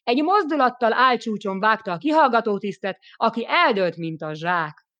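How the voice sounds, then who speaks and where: A woman giving a lively, expressive first-person audiobook narration. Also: fairly high pitch, highs cut off.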